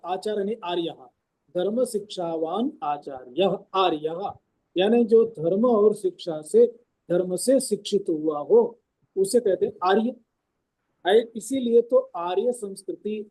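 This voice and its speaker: A man with a high, mellow voice gives a scripture discourse at an ashram. He speaks loudly and slowly. He unpacks each term with emphatic stress. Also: rough recording. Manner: explains verses term by term. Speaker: spiritual teacher.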